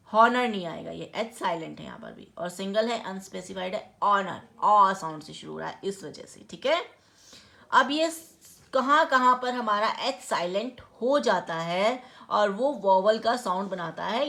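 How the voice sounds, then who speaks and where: A woman teaches a grammar lesson at a middle pitch. She explains patiently and spells words out letter by letter. She often stops to make sure her students have followed. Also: sharp tone. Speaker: English teacher.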